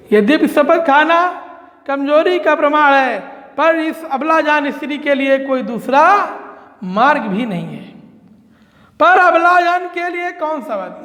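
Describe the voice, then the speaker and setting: A man with a strikingly high voice works through a poem in a Hindi lesson at an unhurried, drawn-out pace. He declaims each line and then restates it in simple words. His voice rings in a reverberant space with a long echo tail. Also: a bit bright. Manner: recites each verse, then repeats and paraphrases it in plain words. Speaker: Hindi teacher.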